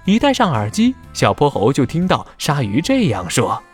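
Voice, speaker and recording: A man narrating a scripted children's story in a dramatic, expressive way. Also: medium pitch, normal speed, soft background music.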